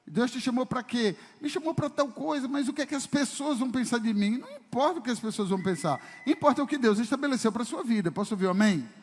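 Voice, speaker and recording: A pastor preaches an emphatic sermon in a church service hall, firing rhetorical questions at the congregation. His very high voice is expressive and fast with few pauses, and the hall adds long reverb.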